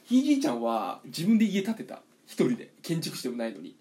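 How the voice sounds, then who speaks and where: A young man co-hosting a casual podcast chat, telling an animated story and acting out the quotes. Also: a little high, quick pace. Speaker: podcast co-host.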